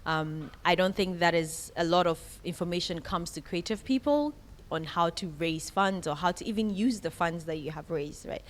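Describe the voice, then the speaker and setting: A woman's voice: on the low side, normal speed. A woman speaks as a guest in a radio interview, talking about her creative enterprise in a candid, chatty, reflective way.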